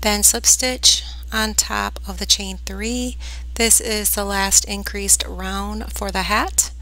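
Bright-voiced woman counting stitches. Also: medium pitch, slow, low-quality recording. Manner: calm, counting stitches aloud. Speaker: crochet instructor. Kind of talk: step-by-step tutorial narration.

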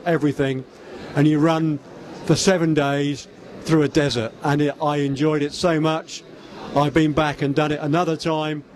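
A man's voice: on the high side, a little mellow. An older man from the United Kingdom, chatty and self-deprecating, speaking into a handheld mic at an indoor expo stand. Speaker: interviewee, ultra runner. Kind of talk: talking to camera at a race expo.

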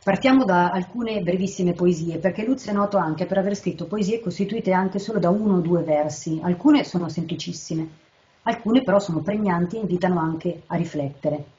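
Measured woman giving a literary talk. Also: on the low side, warm tone, lo-fi sound. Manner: measured, careful, reads verses slowly. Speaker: translator presenting a poet. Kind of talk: literary lecture with poem readings.

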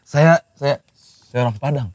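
A man's voice: mid-range voice, a little slow, no room sound. A man playing a village guard in a comedy sketch, joking and teasing. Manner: joking, teasing, laughs often. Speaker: neighborhood guard.

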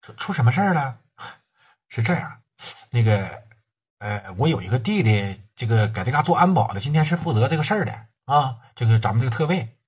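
A man voicing a rough, middle-aged security boss who talks haltingly with many fillers. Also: mid-range voice, sing-song, muffled recording. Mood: explaining.

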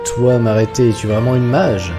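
A man's voice: mid-range voice, fairly even intonation, normal speed, over music, close to an everyday voice. A man reading out the lines of a young female mage heroine confronting a tyrant, plainly and without a put-on voice. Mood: defiant. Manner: read aloud plainly from game text.

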